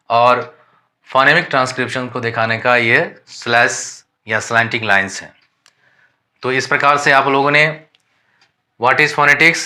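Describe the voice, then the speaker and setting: A man with an Indian accent teaching a lesson, reading English definitions slowly and explaining them in Hindi with questions to the learners. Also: medium pitch, sharp tone.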